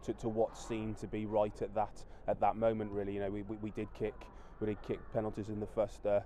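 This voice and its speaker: A man's voice: lowish voice, completely flat delivery, brisk, mellow, a little hiss or hum. A man in his thirties, a rugby coach, giving a post-match interview outdoors at a floodlit ground, talking with many fillers and restarts.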